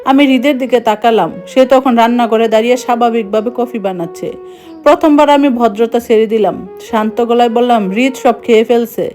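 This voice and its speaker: High-voiced woman narrating a suspense story. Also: a little fast, darkish tone, faint music behind. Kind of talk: scripted first-person story narration.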